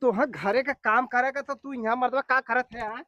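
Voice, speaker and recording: A woman's voice: fairly high pitch, steady tone, moderate pace, a bit bright, no echo, natural voice. A woman playing a younger, reproachful and bossy village in-law in a comedy sketch, with an eastern Uttar Pradesh Awadhi accent. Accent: eastern Uttar Pradesh, Awadhi-Bhojpuri. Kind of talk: rural comedy sketch acting. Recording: dull lo-fi video sound.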